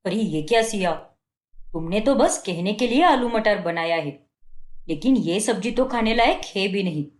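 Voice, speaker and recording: Woman doing a sneering cartoon husband, scolding, belittling, echoey room, middle pitch. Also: lively intonation, normal speed, lightly acted. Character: fault-finding young husband, harsh and scornful. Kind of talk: cartoon story voice acting.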